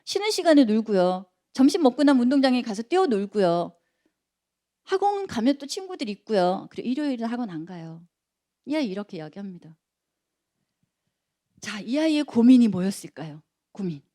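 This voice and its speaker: A woman lecturer giving a public lecture, animated, acting out quotes and putting questions to her audience. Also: a little high, normal speed, long pauses. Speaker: lecturer, counseling institute director.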